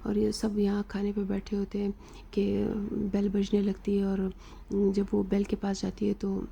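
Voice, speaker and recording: A woman narrating an episode recap of a drama, retelling the plot with fillers and pauses. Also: mid-range voice, completely flat delivery, gravelly, warm tone, slight background noise.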